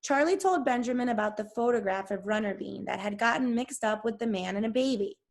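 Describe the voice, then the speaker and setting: Teacher, a bit raspy and higher-pitched, read-aloud storytime. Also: female voice, a little fast.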